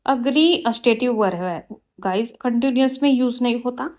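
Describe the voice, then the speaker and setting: A woman teaching English grammar to Hindi speakers. She reads each example sentence very slowly and clearly, then explains it briskly and keeps calling her viewers guys and kids. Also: a little high, darkish tone.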